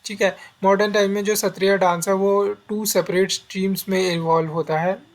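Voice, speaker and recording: A man's voice: high voice, flat delivery, normal speed. A man teaching an exam-prep lecture, often repeating key terms as memory drills and slipping into English phrases.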